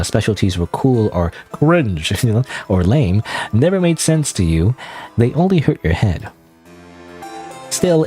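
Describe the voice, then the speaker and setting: A man's voice: on the low side, mellow. A man from Canada, reading game text aloud and commenting casually. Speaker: game streamer.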